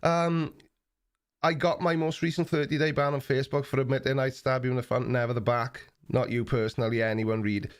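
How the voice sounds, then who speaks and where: On his live stream, a forties-aged Australian man chats casually and fields viewer comments, relaxed and plain-spoken with frequent ums. He speaks briskly at a medium pitch.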